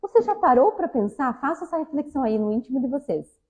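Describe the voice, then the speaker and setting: Also a spiritist-center lecturer from southern Brazil, she talks conversationally and frequently addresses listeners directly. Her high-pitched, very animated voice moves quickly with a slightly mellow quality, captured on a rough recording.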